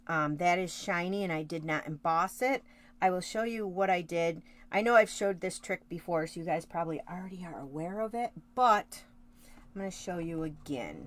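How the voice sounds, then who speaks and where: A woman hosting a card-making tutorial, chatting casually with live viewers while she works, with rambling asides and self-corrections. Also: mid-range voice. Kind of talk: casual craft demonstration.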